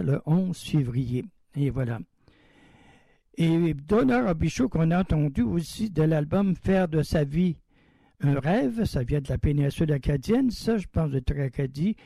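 Guy on the radio, kinda high but mellow voice, chatty, dry studio sound. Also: gravelly, no echo, rough recording. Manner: chatty, reads a news item then comments loosely. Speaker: radio host. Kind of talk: casual radio presenting.

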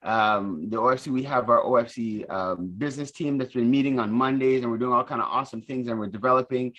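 A man's voice: medium pitch, fast, a bit bright, highs cut off. A man hosting community radio in a welcoming way, repeating phrases for emphasis. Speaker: radio show host.

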